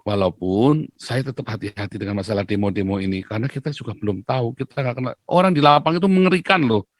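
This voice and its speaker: A man's voice: mid-range voice, animated, fast talker, no room sound. A man talking as a guest commentator in a casual talk-show discussion, emphatic and rising sharply when he stresses a point.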